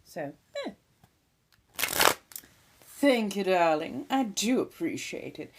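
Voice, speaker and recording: Speaking slowly in a mid-range, darkish voice with big swings in pitch, a woman performs as a vampire for her live stream audience. She puts on a 1700s colonial transatlantic accent, uses elaborate wording, and calls viewers darling, with a little hiss or hum in the background.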